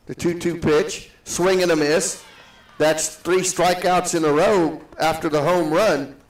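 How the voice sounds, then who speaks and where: Guy doing play-by-play, kinda high voice, cave echo all over it, sounds off from the mic. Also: a little slow, distant mic. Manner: steady count-calling, matter-of-fact. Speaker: play-by-play announcer. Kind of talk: live softball commentary. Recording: echoey booth, set back from the mic.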